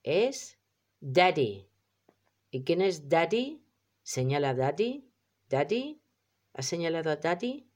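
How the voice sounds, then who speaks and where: Teacher from doing a kids vocab lesson, slow and patient, voice goes way up and down. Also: medium pitch, big pitch swings. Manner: patient, repeats each word slowly for the child; encouraging, praises often. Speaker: English teacher for children.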